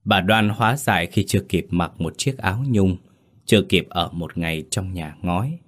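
A man reading scripted horror story narration in a slow, grave storytelling manner. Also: low-pitched. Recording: faint background music.

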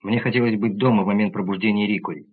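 A man narrating an audiobook in the first person, measured and even, on tinny narrow-band audio. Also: lowish voice, husky.

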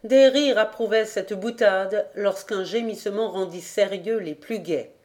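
A woman narrating an audiobook in a measured, descriptive reading. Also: medium pitch, darkish tone. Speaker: audiobook reader.

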